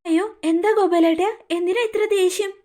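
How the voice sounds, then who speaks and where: A woman's voice: extremely high pitch, fairly even intonation, fairly quick, darkish tone. A woman voicing a scheming young woman in a cartoon, sugary and spiteful.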